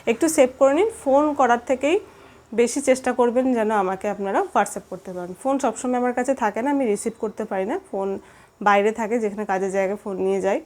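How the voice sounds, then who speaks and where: A woman's voice: fairly high pitch, a little fast, a little mellow. A woman, casually showing sarees to viewers, chatty, repeating instructions patiently and often checking in with "okay?". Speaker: saree seller. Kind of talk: casual live product showcase.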